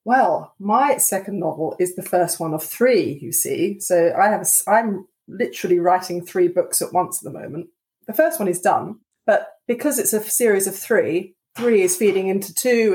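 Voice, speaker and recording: A woman's voice: on the low side, normal speed, darkish tone, rough recording. A woman, an indie author guest, chatting playfully and teasingly on a podcast. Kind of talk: casual podcast chat.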